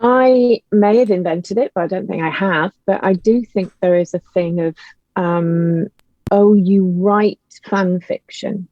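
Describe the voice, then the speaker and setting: A woman speaks unhurriedly at medium pitch as a podcast interview guest, voicing her opinions emphatically but conversationally. She writes and acts in audio drama. The call recording sounds dull, lo-fi and roomy.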